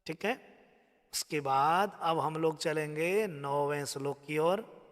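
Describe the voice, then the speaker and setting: A man teaches verse recitation on a live stream. He chants in a drawn-out sing-song and drops in quick spoken asides between lines. His voice is high and bright, and it rings with a long reverb.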